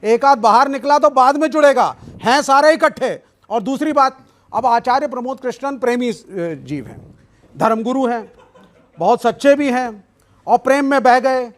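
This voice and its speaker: A political panelist arguing combatively and insistently in a televised debate. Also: male voice, very high voice, normal speed. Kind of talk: heated TV debate.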